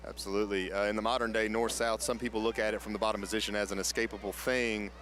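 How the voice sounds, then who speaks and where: Low-voiced male grappling commentator. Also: flat delivery, quick pace, a bit bright. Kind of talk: live sports commentary, explanatory.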